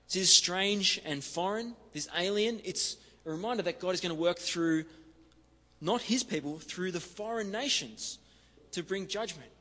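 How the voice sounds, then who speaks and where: A man delivers a sermon in a chatty, easygoing way and leans on repetition to drive his points home. His voice sits fairly high for a man. It rings out with the long reverb of a large hall. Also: moderate pace, pushed and bright. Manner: conversational, leans on "kinda" and repeats for emphasis. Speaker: preacher. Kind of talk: expository sermon.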